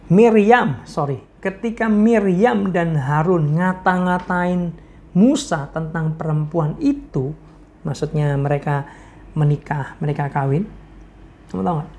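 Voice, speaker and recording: A woman's voice: sits low, darkish tone. A woman preacher from Indonesia giving a casual devotional talk, playful and laughing often as she speaks. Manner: playful, laughs often, mixes in English slang.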